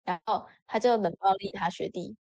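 A woman telling a story in a casual chat with lots of expression, jumping up in pitch when she voices her friends. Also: moderate pace, vocal fry. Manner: animated, acts out friends' lines with sudden pitch jumps. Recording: dull lo-fi audio.

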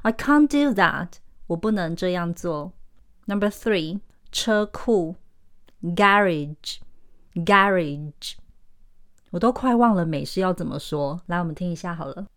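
Woman English teacher, lowish pitch, smooth and clear, careful podcast lesson delivery. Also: lively intonation, moderate pace. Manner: clear explanatory, switching into careful English examples.

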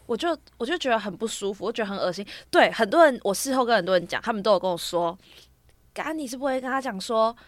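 A woman's voice: medium pitch, expressive, racing, hardly any pauses, no echo. A young woman, telling a long story on a casual podcast, rambling from clause to clause with fillers. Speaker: podcast co-host.

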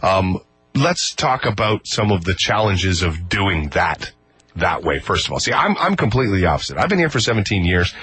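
A man's voice: low voice, very animated, moderate pace, a bit bright, breathy edge. A man hosting a morning radio show, talking loosely and rambling with fillers in a studio. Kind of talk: casual radio interview. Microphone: studio microphone.

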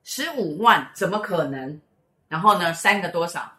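A woman's voice: fairly low pitch, normal speed, reverberant. A middle-aged woman with a Taiwanese Mandarin accent, telling a story in casual chat and acting out the lines of the people in it. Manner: animated storyteller who acts out quoted speech. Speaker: host, mother.

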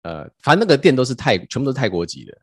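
A man's voice: mid-range voice, racing, husky, dry recording, studio quality. A man telling a funny story in casual podcast chat, laughing and acting out the quotes. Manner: animated, laughing, acts out quotes. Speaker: podcast host.

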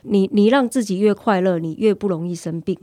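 A woman's voice: medium pitch, fairly quick, warm tone. Taiwanese woman guest chatting casually. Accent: Taiwanese Mandarin. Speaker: podcast guest. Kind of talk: casual personal storytelling.

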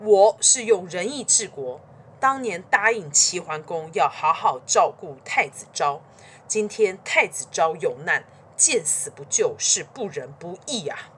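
A woman's voice: fairly low pitch, very animated, measured pace, slight background noise. A woman playing a proud, stubborn ancient duke. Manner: lofty, declaiming, loud.

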